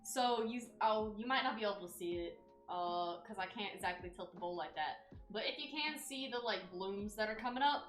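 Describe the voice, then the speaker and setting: A woman from North Carolina with a Southern accent she plays up, chatting casually on a live stream as she cooks in her kitchen, thinking out loud and answering viewers. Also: medium pitch, moderate pace, faint music behind. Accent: Southern US, exaggerated for a viewer redeem. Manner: chatty, answers chat and thanks followers, thinks aloud while working. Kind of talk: casual live-stream chat while cooking. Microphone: wearing headphones.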